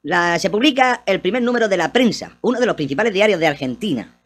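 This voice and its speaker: A Spanish man co-hosts a comic radio show at a quick pace. He stumbles and restarts his words often. He plays up muddled misunderstandings as he reads out historical dates. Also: high-pitched, lively intonation, a bit bright. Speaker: radio comedy co-host.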